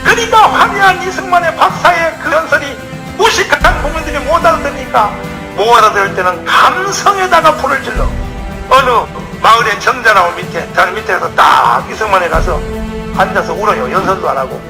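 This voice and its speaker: A male pastor giving a fiery sermon lecture, emphatic, often shouting and throwing rhetorical questions at the audience. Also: extremely high pitch, expressive, brisk, vocal fry, poor audio. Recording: music playing under the speech.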